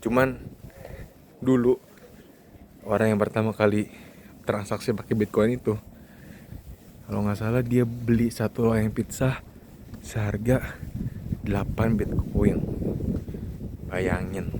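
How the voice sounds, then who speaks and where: A male vlog host delivers a casual monologue of emphatic advice to viewers, repeating key words for stress. His voice is lowish, steady and a little mellow, with a slow pace and long pauses. The recording is clearly noisy, with ambient sound in the background.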